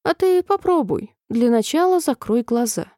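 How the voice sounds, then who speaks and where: A woman's voice: fairly high pitch, moderate pace, dry recording, clean studio sound, pitched above the performer's own voice, close to an everyday voice. A woman reading a storybook, voicing a fretful, whimpering old queen who breaks into squealing cries. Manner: wailing, squealing cries, then oddly calm.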